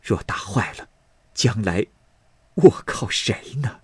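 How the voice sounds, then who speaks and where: A man voicing a worried noble mother of nearly fifty in a storybook reading, speaking low and gravely. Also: expressive, takes it slowly, a bit bright, no room sound, full character voice. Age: 40s.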